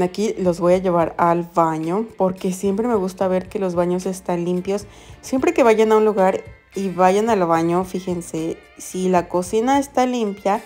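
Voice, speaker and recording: A woman's voice: fairly low pitch, dark tone. Giggly Mexican woman vlogging around town. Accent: Mexican Spanish. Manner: chatty, giggly, exclamatory storyteller. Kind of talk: casual vlog talk to viewers. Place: walking around a quiet town center, then a café.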